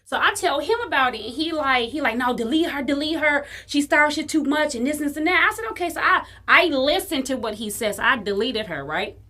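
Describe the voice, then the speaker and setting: Woman podcast co-host from Chicago, profane, animated storyteller, higher, bright voice. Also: brisk, few pauses. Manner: animated, profane, acts out quoted dialogue. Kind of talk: casual storytelling chat.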